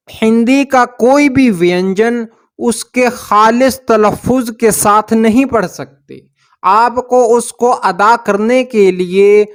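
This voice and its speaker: A man gives a language lesson, his voice sitting noticeably high. He talks slowly and patiently, stretching out each sound he demonstrates. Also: a bit bright. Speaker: language teacher. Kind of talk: slow explanatory lesson.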